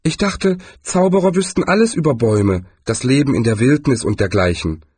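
A man putting on a high, eager tourist voice. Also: animated, measured pace, darkish tone, breathy edge, no room sound, heavily acted. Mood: eager curious. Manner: cheerful, curious, questioning. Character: eager naive male tourist.

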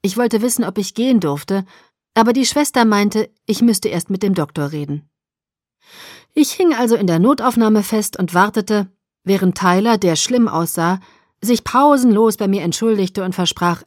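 A woman narrating a first-person audiobook in an expressive reading style. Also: medium pitch, no echo, studio quality. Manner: expressive, with varied character voices.

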